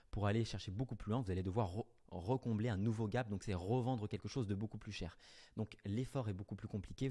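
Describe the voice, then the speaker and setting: A man talking to the camera as a business coach, explaining offers to viewers in a brisk, direct way and correcting himself as he goes. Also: fairly low pitch, dark tone.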